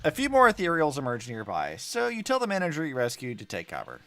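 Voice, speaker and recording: Very animated, informal VTuber game commentary. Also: mid-range voice, quick pace, a little hiss or hum. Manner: informal, wry, thinking aloud. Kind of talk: casual gameplay commentary.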